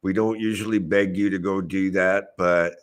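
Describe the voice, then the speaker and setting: A man's voice: low-pitched, steady tone, normal speed. A man co-hosting a hockey podcast, giving blunt, dry opinions in casual chat. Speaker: podcast co-host.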